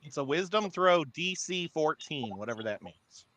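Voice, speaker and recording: A man playing a tabletop game online, quick and self-deprecating. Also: on the high side, lively intonation, fairly bright tone. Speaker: player. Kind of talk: casual game chat.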